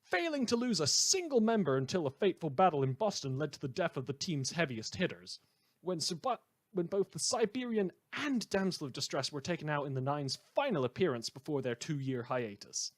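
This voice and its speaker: A man plays a chatty, blithely amoral small-town radio host in a satirical news broadcast, rambling and correcting himself with cheerful flippancy. He newscasts enthusiastically in a voice that's a little high, very animated, and a little fast.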